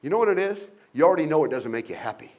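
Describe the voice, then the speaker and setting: A man with a high-pitched voice delivers a motivational talk to an audience as an invited guest speaker. He tells humorous stories, throws rhetorical questions at the crowd and acts out other people's voices along the way. He sounds older and seasoned. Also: expressive, very fast. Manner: humorous storytelling with jokes and acted-out voices.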